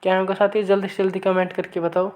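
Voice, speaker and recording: A woman's voice: medium pitch, monotone, a little mellow. Woman teacher quizzing her online class. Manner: keeps asking viewers for answers; repeats questions and reads sample sentences slowly. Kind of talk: online exam-prep lesson.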